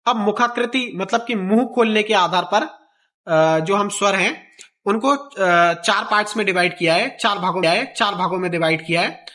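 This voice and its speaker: A man's voice: high-pitched, normal speed, pushed and bright. A male teacher explaining the alphabet for exam students, repeating vowel sounds aloud in a sing-song drill. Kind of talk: exam-prep lesson.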